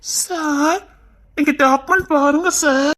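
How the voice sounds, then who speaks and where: A man putting on a coy woman's voice, in a shrill drawn-out falsetto and a sing-song, coaxing manner, in a comedy skit. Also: sharp tone, full character voice. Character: coy flirting woman in disguise, adult.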